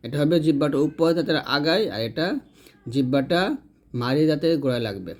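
A man teaching Quran reading, slowly spelling out each letter sound in a patient, repetitive drill. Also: mid-range voice, animated, a little mellow. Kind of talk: slow drilled letter-by-letter recitation lesson.

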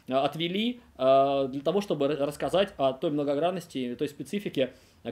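A man teaching a French grammar lesson on video, talking in an animated, digressive way with many filler sounds and restarts. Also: on the high side.

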